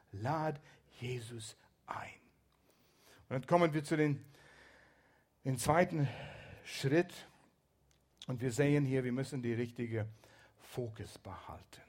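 A man preaching a sermon with a few slips, swinging between loud emphatic exhortation and hushed, near-whispered asides. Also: on the high side. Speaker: pastor.

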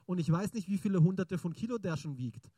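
A man preaching a sermon in a lively, chatty way, often asking the congregation questions. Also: high-pitched, fast, husky, no echo.

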